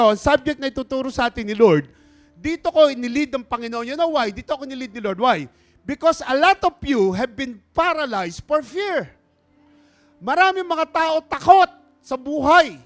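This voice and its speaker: A man's voice: extremely high pitch, lively intonation, moderate pace, a bit bright. A man preaching a sermon in a church, telling a story and often asking the congregation for an amen. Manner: storytelling, asks the congregation for amens. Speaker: pastor.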